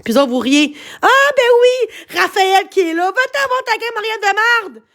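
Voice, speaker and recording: A woman with a Québécois accent on a livestream, shouting, swearing heavily and near tears as she rants. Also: very high-pitched, lively intonation, measured pace. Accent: Québécois French. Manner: shouting, heavy swearing, tearful. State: upset, crying at times. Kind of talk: angry livestream rant.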